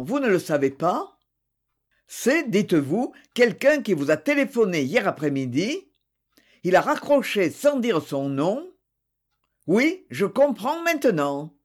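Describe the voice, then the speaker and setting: A reader voicing a composed male prosecutor speaking in a measured, official manner in an audiobook. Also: mid-range voice.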